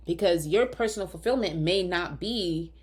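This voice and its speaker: A woman physician hosting a solo podcast, talking earnestly and directly to listeners, slightly hoarse from a lingering cough. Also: on the low side, moderate pace, darkish tone. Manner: earnest, coaching, direct address.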